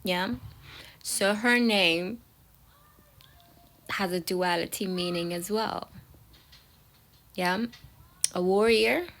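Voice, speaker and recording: A woman's voice: mid-range voice, vocal fry, a bit bright, rough recording. A woman from Somalia telling stories in a casual monologue, often checking in with her listener with "yeah?" and "right?". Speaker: storyteller.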